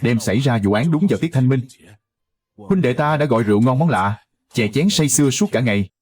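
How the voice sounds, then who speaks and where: A man voicing a frightened foreign merchant giving testimony in a dubbed drama recap, with a husky voice. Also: mid-range voice, expressive, fairly quick, a little mellow, natural voice. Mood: recounting. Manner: stammering, fearful testimony.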